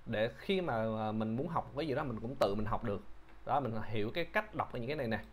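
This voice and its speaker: A man teaching English pronunciation, who repeats each word slowly and patiently explains how to shape the mouth. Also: medium pitch, animated, husky. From Vietnam. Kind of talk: pronunciation lesson.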